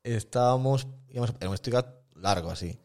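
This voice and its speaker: Fast-talking gravelly man. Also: medium pitch, a little mellow. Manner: fast anecdotal storytelling, acts out voices. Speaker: guest skater. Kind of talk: casual storytelling chat.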